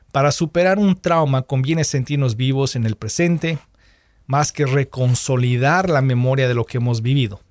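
Recorded with studio quality and no room sound, a male host with a medium-pitched, darkish voice opens a bilingual radio interview by reading a script. He then asks his questions in Spanish and English by turns, repeating each in both tongues.

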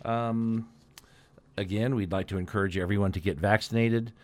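A man hosting a community news update, giving semi-formal announcements in a deliberate, matter-of-fact way with frequent pauses. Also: lowish voice, fairly even intonation.

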